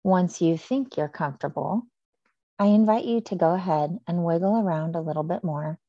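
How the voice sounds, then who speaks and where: A woman leading a guided breathing meditation, speaking slowly and softly with long pauses. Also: on the low side, no room sound, muffled recording. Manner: slow, soft and soothing with long pauses.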